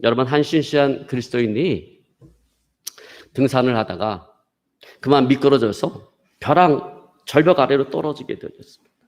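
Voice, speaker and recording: Korean pastor preaching with a story. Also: male voice, medium pitch, normal speed, pauses often. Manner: preaching with a story, addresses the congregation often. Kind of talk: sermon.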